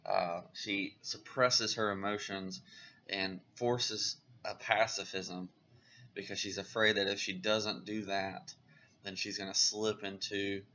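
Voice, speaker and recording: Gravelly, excitable man reviewing comics. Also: on the low side, slow, muffled recording, a little hiss or hum. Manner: enthusiastic and rambling, with many fillers. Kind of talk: casual vlog review.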